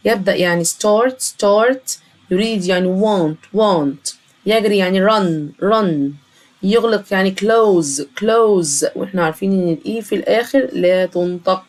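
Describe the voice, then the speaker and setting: A woman with an Egyptian Arabic accent, teaching a children's English lesson and slowly repeating each English word. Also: mid-range voice. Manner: slow, drawn-out repetition of English words.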